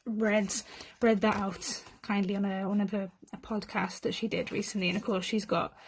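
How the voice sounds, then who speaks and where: A woman's voice: medium pitch, flat delivery, normal speed, slight background noise. A woman poet with a Rhondda accent from the South Wales Valleys, reading poems and chatting between them in an understated, self-deprecating way. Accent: Welsh Valleys (Rhondda). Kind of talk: poetry reading with informal asides.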